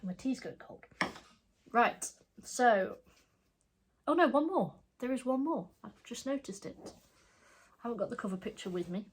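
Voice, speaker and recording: A little high and unhurried, with lively intonation, the stuffed-up voice of a middle-aged woman runs through her cross stitch projects in casual chat, rambling and self-correcting. A faint hiss or hum sits under the recording.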